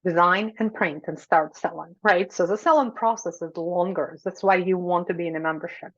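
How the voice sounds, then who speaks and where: Earnest woman host, slightly low voice, dull sound. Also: moderate pace. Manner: earnest and effusive, repeats phrases, digresses. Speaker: membership host and coach. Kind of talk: heartfelt direct-to-camera talk.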